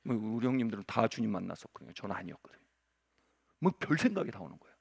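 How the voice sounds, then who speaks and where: A pastor in his forties preaching a sermon, telling a story dramatically, swinging from loud outbursts to hushed asides and crying out in prayer. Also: lowish voice, sing-song, rapid-fire, gravelly, breathy edge. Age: 40s. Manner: acts out quoted voices and cries out in prayer.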